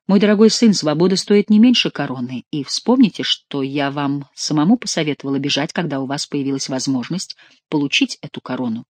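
A reader voicing a calculating queen mother past sixty, who speaks calmly and coolly. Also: mid-range voice, a little fast, no room sound, natural voice.

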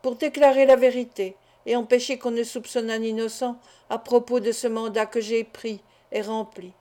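A woman's voice: fairly high pitch, little pitch movement, moderate pace, mellow, natural voice. A woman reading the part of an agitated young man who insists on confessing a theft, in an earnest, indignant tone.

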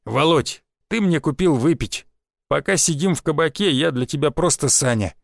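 Guy doing a gruff old hunter mentor, cusses, flares up fast. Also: fairly high pitch, expressive, no room sound, clean studio sound. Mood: blunt. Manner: blunt, coarse, quick to anger. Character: gruff hot-tempered veteran hunter mentor.

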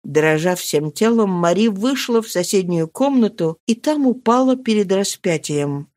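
A woman reading a novel aloud as narrator, in a steady, expressive storytelling manner. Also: mid-range voice, a little slow. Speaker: audiobook reader. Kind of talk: scripted narration.

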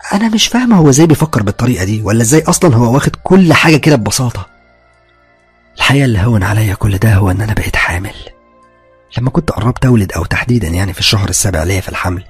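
A man with an Egyptian accent narrating a horror story in a rapid, conversational first-person telling. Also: on the low side, gravelly, slightly rough. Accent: Egyptian Arabic.

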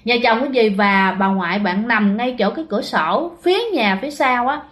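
A woman's voice: fairly high pitch, brisk, fairly bright tone. A woman telling a ghost story in a chatty way, often speaking straight to her listeners. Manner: chatty, addresses listeners directly. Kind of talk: casual ghost story narration.

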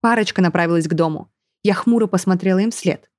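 A woman reading a fairy-tale story aloud in first person, expressive, on a close mic. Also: on the low side, quick pace, no echo. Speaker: audiobook reader.

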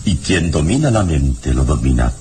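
Kalimán, deep and solemn. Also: male voice, sing-song. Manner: slow, solemn, commanding. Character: calm mystic hero, mind over weapons. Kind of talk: 1960s radio drama acting. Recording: radio drama with music bed.

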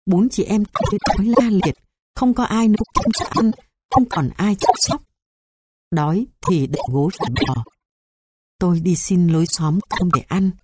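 A woman reading a memoir aloud in a measured, sorrowful way. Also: fairly low pitch. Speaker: narrator. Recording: noisy hissy recording.

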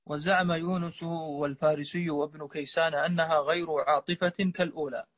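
A man's voice: fairly high pitch, steady tone, fairly quick, no echo. Man reading a text aloud in class. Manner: reads carefully with small stumbles and fillers. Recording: dull, dry lo-fi recording.

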